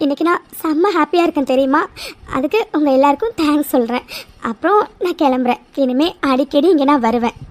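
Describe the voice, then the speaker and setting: A woman's voice: high voice, fast, a little hiss or hum, natural voice. A woman voicing an emotional young married woman in a cartoon drama, thanking her family. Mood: grateful.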